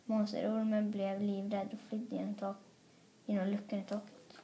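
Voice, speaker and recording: A woman reading a children's story aloud in an expressive, playful way. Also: medium pitch, slight background noise. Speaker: storybook reader. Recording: roomy echo.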